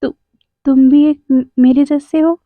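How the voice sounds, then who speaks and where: A woman's voice: sits high, steady tone, unhurried, dry recording. A woman doing a stammering stunned young man. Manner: stammering, breaks off words. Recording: dry, tinny phone-like sound.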